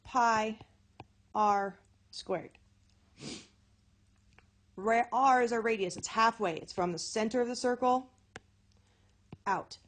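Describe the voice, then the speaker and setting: A woman's voice: on the high side, slow, long pauses. A woman teaching a recorded math lesson. She talks in a chatty way, often corrects herself and checks in with "okay?".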